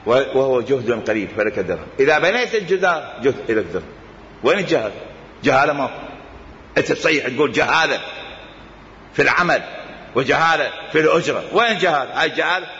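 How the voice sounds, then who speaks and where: Animated Iraqi man lecturing in an echoey hall. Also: fairly high pitch. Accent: Iraqi Arabic. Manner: animated, argumentative, fires rhetorical questions. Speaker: teacher of Islamic jurisprudence. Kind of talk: religious jurisprudence lecture. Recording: echoey hall, dull lo-fi sound.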